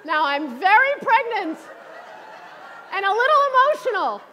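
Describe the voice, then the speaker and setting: A woman in her forties gives a sermon with a very high voice. She tells her stories in an animated, self-deprecating way, and a long hall reverb trails each phrase. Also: measured pace, a faint crowd, slight background noise. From New York City. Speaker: speaker at a church service.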